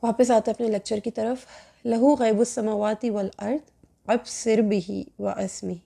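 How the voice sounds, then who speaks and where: Woman religious lecturer, earnest and admonishing, dark gravelly voice, repeats lines for weight. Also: medium pitch. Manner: mixes English words into her talk. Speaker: Quran teacher.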